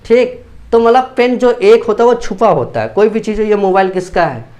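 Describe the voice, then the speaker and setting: A man's voice: high-pitched, normal speed, a little mellow. A man. He goes over every point more than once and keeps checking that the students follow. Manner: repeats points and checks understanding often. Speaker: English teacher. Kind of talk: classroom grammar lesson in Hindi.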